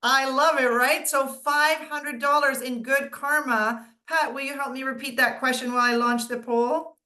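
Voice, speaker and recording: A woman's voice: sits high, steady tone, moderate pace, pushed and bright. A woman co-hosting a webinar, chatty and giggly, playing along with game-show banter. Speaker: webinar co-host. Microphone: video call.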